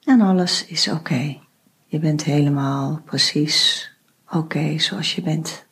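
A woman guiding a meditation, giving slow, soft instructions with long pauses. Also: low voice, husky. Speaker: meditation guide. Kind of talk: guided meditation.

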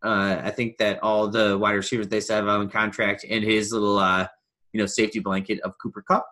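A man's voice: lowish voice, little pitch movement, fairly quick, pushed and bright. A man co-hosting a casual sports podcast, thinking aloud and weighing his options. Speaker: podcast co-host.

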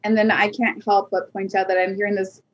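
A woman hosting a podcast interview, asking questions in a gentle, hesitant way with frequent filler words. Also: medium pitch, level tone, brisk. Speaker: podcast host. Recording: dull lo-fi recording.

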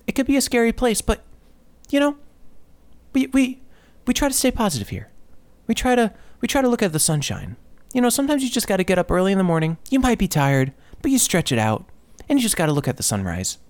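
Man doing a sugary inspirational podcast host, higher and softer than his own voice, breezy forced cheer. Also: sing-song, fast. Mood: syrupy upbeat. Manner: soft, breezy, forced positivity. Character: relentlessly upbeat man hosting an inspirational podcast.

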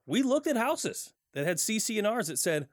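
A man's voice: high-pitched, moderate pace, dry recording. A man co-hosting a home improvement radio show from a studio, talking casually with lots of fillers. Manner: relaxed, filler-heavy.

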